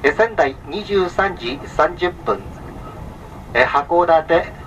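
A train conductor with a fairly high, expressive, slightly bright voice speaks over a sleeper train's PA, far from the mic. He lists things formally and politely at a measured pace, dropping small filler sounds. Vehicle noise surrounds the muffled, distant audio.

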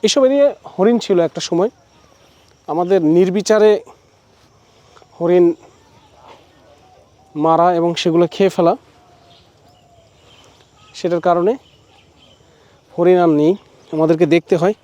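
High, mellow-voiced man touring a forest. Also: measured pace, pauses often, dry recording. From Bangladesh. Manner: chatty, mixes in English words, corrects himself mid-sentence. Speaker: travel vlogger. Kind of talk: casual walking-tour vlog. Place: outdoors at a forest riverside resort.

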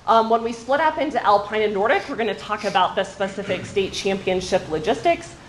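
Captured roughly by a far camera at the room's back, with some hiss or hum, a medium-pitched woman talks fairly quickly. She's a state athletic association staffer presenting at a meeting to coaches and athletic directors seated in a large room, keeping things friendly and informative despite frequent ums.

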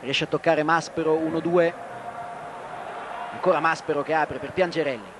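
A man's voice: on the high side, normal speed. A man giving live football play-by-play in short, clipped phrases, naming players as they touch the ball. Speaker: football commentator. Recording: loud outdoor stadium noise, old broadcast. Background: outdoor stadium ambience.

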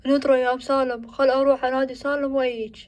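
A woman voicing a middle-aged father in a family drama, giving hurried commands. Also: sits high, level tone, darkish tone, natural voice. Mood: urgent. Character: urgent father Abu Salem, middle-aged.

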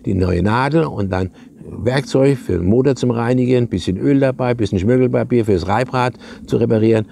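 A man's voice: medium pitch, moderate pace, gravelly, mellow, a little hiss or hum. An older man, a retired radio and TV technician, telling rambling, chatty anecdotes to camera on a lapel mic and calling his viewers comrades. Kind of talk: casual anecdotal storytelling to camera.

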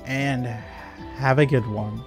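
With video game music in the background, a man gives relaxed, easygoing commentary on his gameplay as host, mumbling asides. His voice is mid-range and gravelly, slow and fairly even in intonation.

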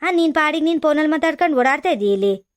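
A woman playing a sharp-tongued older village mother-in-law who scolds and nags with sarcasm, in a comedy skit. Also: high-pitched, expressive, rapid-fire. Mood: scolding.

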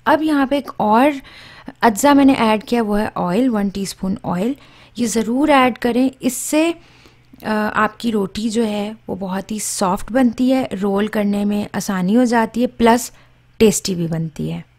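A woman's voice: medium pitch, unhurried, darkish tone. A woman, narrating a cooking tutorial as channel host and explaining tips step by step.

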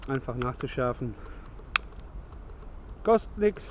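A man's voice: medium pitch, animated, slow pace, background noise. A man in his thirties casually demonstrating gear outdoors in the woods at dusk, chatty and rambling, correcting himself as he goes, recorded close on a handheld camera. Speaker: bushcraft vlogger.

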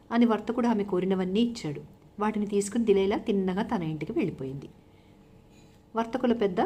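Mellow-voiced woman telling a folk tale. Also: medium pitch. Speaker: storyteller. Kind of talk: storybook narration.

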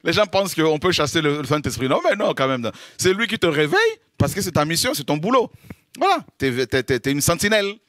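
A man from the French Caribbean preaching an informal sermon, humorous and lively, laughing often and acting out little scenes as he teaches. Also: on the high side, brisk, dry recording, studio quality.

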